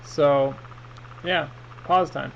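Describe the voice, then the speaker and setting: A man with a fairly high, steady voice talks extremely slowly through an off-the-cuff unboxing vlog, giving a casual, rambling and hesitant product review. The audio is muffled, with clear background noise.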